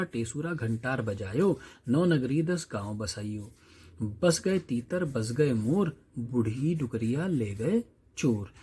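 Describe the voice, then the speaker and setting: Husky-voiced man teaching a revision lesson. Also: medium pitch, darkish tone. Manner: explains simply, often asks the class questions and checks with "है ना".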